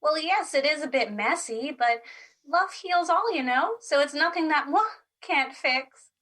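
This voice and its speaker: Audio drama: actress as the spirit of love, high-pitched, bright, sweetly fussy and theatrical. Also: female voice, lively intonation, unhurried, full character voice. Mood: doting. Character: Love, sweet airy doting embodiment of love.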